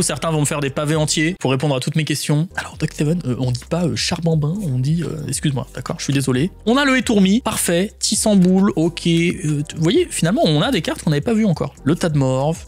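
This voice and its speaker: A man with a French accent talks his way through opening card packs, his pitch leaping high when a good card shows up and dropping to near-whispers when it doesn't. Soft music plays faintly behind him. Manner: swings from hushed mutters to loud excited shouts. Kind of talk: excited commentary.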